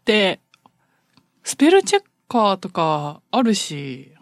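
A woman in relaxed conversation, telling her stories with animation and frequent laughter. Her pitch moves in wide, expressive swings. The sound is dry and close, with no room around it. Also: slow pace, vocal fry, dry recording. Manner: animated storyteller who laughs often. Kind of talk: casual chat.

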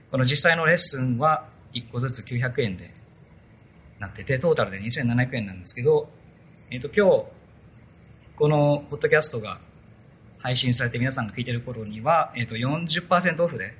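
A man's voice: medium pitch, lively intonation, brisk, pauses often, a bit bright, husky. A man hosting a casual tech podcast, chatting loosely through a sponsor spot with many fillers. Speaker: podcast host.

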